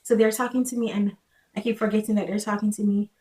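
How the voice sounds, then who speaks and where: Young female vlogger, conversational storyteller, medium-pitched voice, casual delivery, roomy reverberant sound. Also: flat delivery, fast talker, a little mellow. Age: young adult. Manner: conversational, acts out quoted remarks. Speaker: vlogger telling a personal story.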